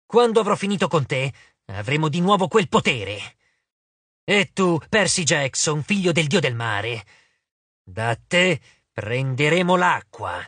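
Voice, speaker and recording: A man voicing an ancient, bitter female water nymph who speaks slowly and menacingly in an audiobook. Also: a little high, a bit bright, no echo, full character voice. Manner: slow, menacing, honeyed. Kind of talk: audiobook character voice. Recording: dry close studio sound.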